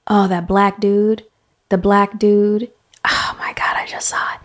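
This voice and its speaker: A woman's voice: medium pitch, flat delivery, unhurried. A woman co-hosting a podcast in casual, joking chat, sometimes putting on a game-show delivery. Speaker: podcast co-host.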